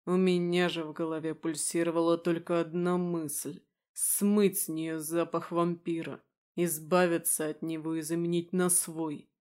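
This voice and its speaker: A man reads a first-person audiobook story in a flat, even voice that barely rises or falls. His delivery stays level and steady. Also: on the high side, a little slow, clean tone. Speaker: audiobook narrator.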